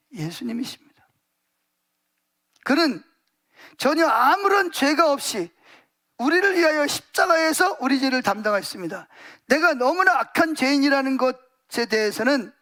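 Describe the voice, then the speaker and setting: A man's voice: extremely high pitch, pushed and bright. A male pastor preaching a sermon in a church, telling stories vividly with many emphatic fillers.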